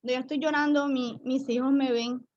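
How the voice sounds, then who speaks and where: A woman's voice: high-pitched, steady tone, fairly quick, a little mellow, muffled recording, slight background noise. A woman giving an earnest church testimony, often repeating and restarting her phrases. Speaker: pastor's wife giving testimony.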